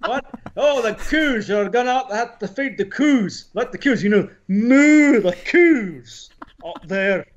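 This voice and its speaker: A man's voice: expressive, muffled recording, full character voice. A man voicing an old Scottish farmhand in a thick put-on Scottish accent, rambling and hard to understand. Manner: high, slow, mumbled rambling.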